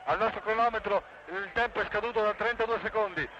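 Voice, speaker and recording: A man giving breathless, excited live football commentary on the radio, shouting and repeating his words as goals go in. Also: sits high, quick pace. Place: outdoor football stadium. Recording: dull noisy radio broadcast, loud stadium crowd. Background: roaring crowd and loud noise.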